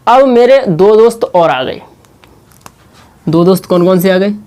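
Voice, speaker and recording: A man teaching a maths lesson at a board, slowly explaining and repeating, asking questions and answering them himself. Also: high-pitched, animated, a little mellow. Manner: slow, repetitive explaining.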